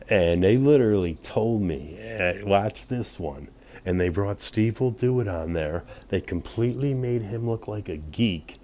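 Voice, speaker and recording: A man's voice: deep voice, dark tone, slight background noise. A man in his fifties rambling drunkenly and boastfully in a casual livestream chat. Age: 50s. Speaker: livestream host.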